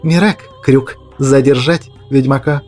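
A man's voice: medium pitch, steady tone, unhurried, a little mellow, faint music behind, lightly acted. A man doing a sneering cruel huntress. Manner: sneering, hissing, mocking. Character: cruel, scornful female bandit huntress leader. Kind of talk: audiobook character voice.

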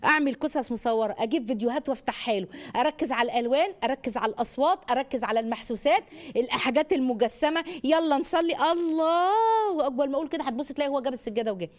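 A woman with an Egyptian accent hosting a call-in parenting show, animated and sing-song as she models phrases for children. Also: on the high side, very fast. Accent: Egyptian Arabic. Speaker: parenting educator and radio show host. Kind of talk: call-in advice talk.

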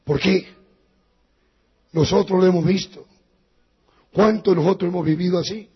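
Male pastor, high and very raspy, preaching through long church reverb. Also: fairly even intonation, measured pace, lo-fi sound. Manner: storytelling preacher, dropping to a hushed voice in sad passages. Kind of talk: sermon.

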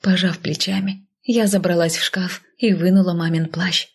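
A woman reading a first-person story aloud as an audiobook narrator, in a soft, often half-whispered way. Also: lowish voice, steady tone, moderate pace, creaky, husky.

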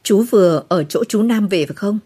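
A woman's voice: mid-range voice, normal speed, warm tone, breathy edge, natural voice. A woman voicing a direct, questioning middle-aged tea seller. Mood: concerned.

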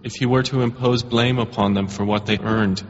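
A man reads a scripture translation aloud in a steady, measured voice. His voice is low and flat, with little rise or fall. The recording is dull and lo-fi, carrying a long hall reverb. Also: faint music behind. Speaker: translation reader.

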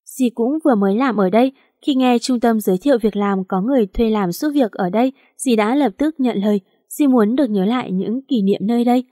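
A woman's voice: on the high side, a little fast, hardly any pauses, warm tone, dry recording, clean studio sound, lightly acted. A woman voicing a tearful older housemaid. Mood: puzzled. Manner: fussing, emotional questions.

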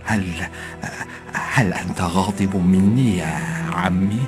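A man's voice: sits low, slow pace. A man voicing a cheeky young farmhand who feigns innocence with sly questions. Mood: sly innocent. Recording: background music.

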